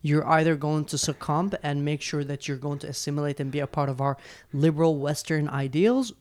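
A man co-hosting a podcast, chatting casually and eagerly, quick to laugh. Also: on the high side, steady tone, darkish tone. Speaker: podcast co-host. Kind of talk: casual chat.

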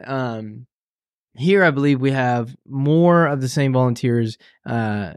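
Halting church podcast co-host, man. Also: mid-range voice, no room sound, studio quality. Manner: halting, many fillers and restarts. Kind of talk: casual conversation.

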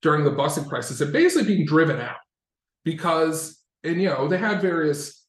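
A man from Massachusetts talks through history in a loose, rambling way, correcting himself and dropping wry, profane asides. His voice sits a bit high. The recording carries a roomy echo. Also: big pitch swings, fairly quick. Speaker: podcast co-host. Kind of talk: casual conversational explaining.

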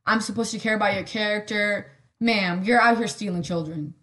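A young woman talks through her solo podcast in loose, rambling chat. Her voice sits at a middle pitch, and she fills it with sarcastic quips, "like" and sudden side comments. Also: a bit bright. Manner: chatty and sarcastic, lots of "like" and quick asides. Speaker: podcast host.

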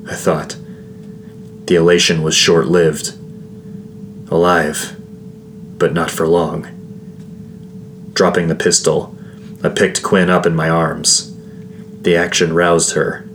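A man reading a first-person fantasy novel aloud as an audiobook narrator, in a measured, grave storytelling manner. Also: deep voice, slight background noise.

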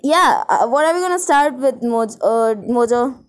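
With lively intonation and a high-sitting voice at normal speed, an Indian-accented young woman co-hosts a podcast. The college student rambles casually, mocking herself and playing things up with irreverent drama.

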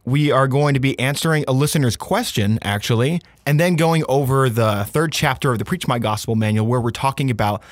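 A man hosting a podcast in a casual, candid personal monologue, chatty and informal with animated emphasis. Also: mid-range voice, a little fast, few pauses, dry recording. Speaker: podcast host.

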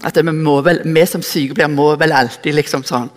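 A woman's voice: sits low, fairly even intonation. A woman giving a sermon in a church hall, telling a personal story and acting out the dialogue. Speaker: speaker at a church service. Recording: long echoing hall reverb.

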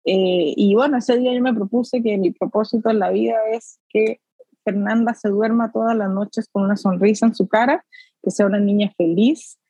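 A woman guest in an interview, a mother speaking earnestly and warmly with frequent filler sounds. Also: mid-range voice, steady tone, normal speed, no echo, poor audio. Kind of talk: conversational interview.

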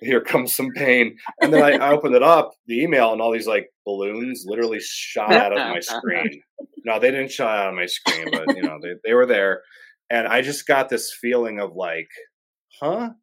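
A man with a fairly low voice, a filmmaker guest recounting a story in relaxed conversation. He keeps slipping into acted-out quotes, animated and quick to jump up in pitch. The voice sits on the low side for a man. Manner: animated, acts out his own quotes. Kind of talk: casual storytelling.

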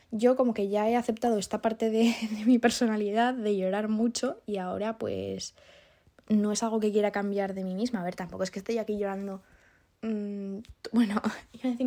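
A young woman, talking alone in a casual, confessional way, chatty and self-deprecating, often laughing and filling pauses. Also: mid-range voice, mellow. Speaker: podcast host.

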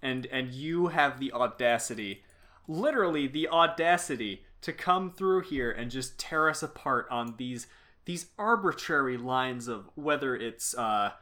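A man's voice: mid-range voice, expressive, unhurried, bright, forceful tone. A man co-hosting a podcast in casual chat, joking and ranting in mock outrage, recorded on a home mic over a voice call. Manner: joking, mock-indignant rants. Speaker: podcast co-host. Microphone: home mic over Discord call.

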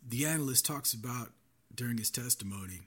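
A man's voice: medium pitch, brisk, a bit bright. A man hosting his own podcast, giving earnest solo commentary with a warning tone. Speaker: podcast host.

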